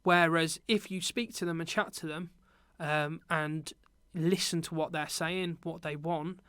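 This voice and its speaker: British man, bright voice, dry close sound, casual chat with many ums. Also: fairly high pitch, unhurried, clear, resonant tone, no room sound. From Britain. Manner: relaxed storytelling with many ums. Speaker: podcast guest, teacher and business owner.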